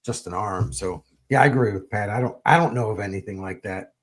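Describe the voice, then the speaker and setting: A man's voice: fairly low pitch, fairly quick, soft background music. A man co-hosting a casual comics podcast, mostly chiming in to agree. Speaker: podcast co-host. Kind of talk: casual chat.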